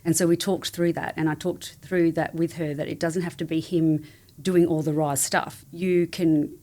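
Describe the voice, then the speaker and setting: A woman with a low-pitched voice talks as a guest in a relaxed interview. She is candid and earnest, speaking in an affirming, conversational way. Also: normal speed. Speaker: podcast guest, family support coach.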